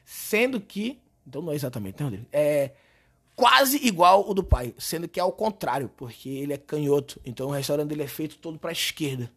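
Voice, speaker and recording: A hoarse, hungover man with a Brazilian accent, telling stories in a slangy, animated, sweary way as a comedian hosting a casual podcast. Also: on the high side, fairly quick. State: hoarse from a hangover and shouting. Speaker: podcast host and stand-up comedian. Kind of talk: casual comic podcast monologue.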